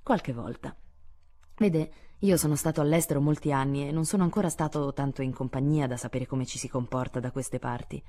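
A woman reads as a shy, well-mannered teenage boy in a classic audiobook. He speaks in a reserved, quiet way with a low, dark tone. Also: steady tone, brisk. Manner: polite, reserved, softly spoken. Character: polite, shy fifteen-year-old boy.

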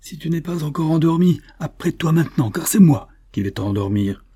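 A man's voice: fairly high pitch, expressive, a little fast, husky, dry recording, clean studio sound, voice pushed up. A man voicing a raging murderous boatman. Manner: shouted threats.

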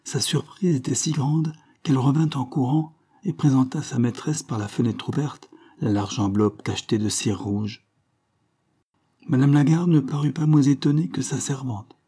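Husky, dark-voiced male narrator. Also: medium pitch, normal speed. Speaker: audiobook narrator. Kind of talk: scripted literary narration.

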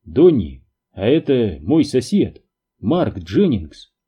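A man's voice: mid-range voice, big pitch swings, slow, mellow, slightly rough, highs cut off, exaggerated voice. A man voicing an anxious grown brother trying to keep the peace, in an audiobook. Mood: nervous, pleading. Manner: pleading, nervous.

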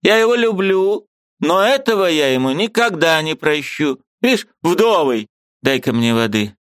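A man voicing a sharp-tongued, agitated old woman who scolds her niece sarcastically. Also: on the high side, sing-song, measured pace, smooth, dry recording, clean studio sound, voice pushed up. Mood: scolding. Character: sharp-tongued old aunt, gruff yet loving woman.

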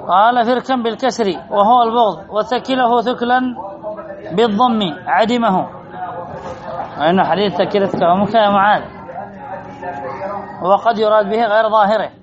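A man's voice: high-pitched, moderate pace, long pauses, dull audio, crowd noise. A man, a sheikh, teaching a classroom lesson, reading a phrase and then explaining it, repeating key words and putting questions to his students. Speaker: sheikh teaching Arabic morphology.

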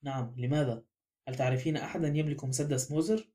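A man's voice: mid-range voice, fairly even intonation, fast talker, warm tone, close to an everyday voice. A man voicing a vain, proud male detective in an audiobook, pompous and insistent in his manner. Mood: stern. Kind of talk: audiobook character reading.

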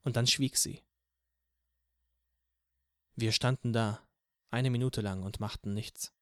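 A man's voice: medium pitch, takes it slowly, clean tone, no echo. Man narrating an audiobook, dry and close. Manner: steady first-person storytelling. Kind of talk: scripted narration.

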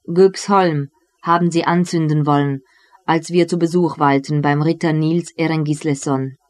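A reader voicing a greedy, gloating medieval nobleman in a slow literary reading. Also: medium pitch, fairly even intonation, dry recording, lightly acted.

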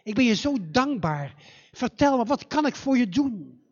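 A soft, heartfelt young prince from a storybook, as the storyteller puts him on, with a lively, breathy voice. The sound is slightly dull. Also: male voice, very high voice, a little slow, big-room sound, voice pushed up, full character voice. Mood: grateful.

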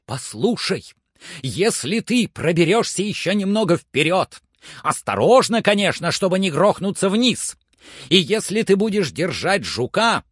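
Legrand: a man voicing a shrill frantic shouter. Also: slightly rough, no room sound, studio quality, exaggerated voice. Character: agitated excitable man shouting up from below.

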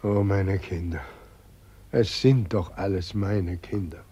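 An actor playing a weeping old god whom nobody believes in anymore, in a vintage radio play. He sounds gravelly and plaintive. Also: deep voice, slow, dark tone, dull audio, exaggerated voice. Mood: lamenting. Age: older. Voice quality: gravelly, husky, tearful and plaintive. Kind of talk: 1940s radio acting.

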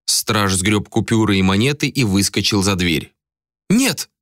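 Low-voiced male audiobook narrator. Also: moderate pace, a bit bright, dry recording, clean studio sound. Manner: dramatic storytelling.

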